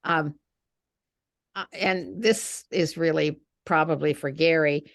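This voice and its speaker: A woman writing a nonfiction book, asking a question on a video call. Her voice is gravelly with vocal fry, and she talks slowly, pausing on fillers. The sound is dry and close. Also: low voice, steady tone, no room sound. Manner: slow, hesitant, many fillers. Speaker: nonfiction author.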